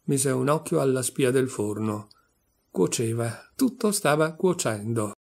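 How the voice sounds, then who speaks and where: A man reading a literary short story aloud with steady, measured narration. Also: medium pitch, gravelly. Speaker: audiobook reader.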